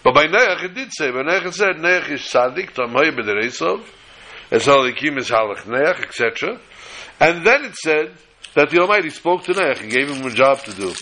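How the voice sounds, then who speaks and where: A man with gives a religious lecture as a rabbi, reading and explaining texts deliberately and repeating phrases for emphasis. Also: on the high side, animated, bright, forceful tone. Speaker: rabbi giving a Torah lesson.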